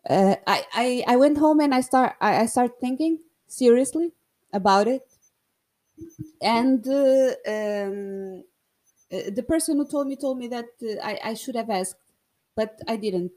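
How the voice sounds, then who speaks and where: A vlogger who is a native Portuguese speaker tells a story casually in English with a Portuguese accent, poking fun at herself and restarting hesitantly. Her voice is a little high and darkish in tone, at a measured pace.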